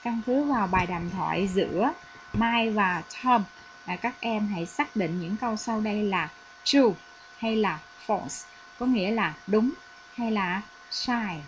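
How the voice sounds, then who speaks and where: A woman's voice: medium pitch, a little slow, slight background noise, poor audio. Vietnamese woman teaching English. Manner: patient, explanatory, with frequent "à" fillers. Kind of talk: recorded classroom lesson.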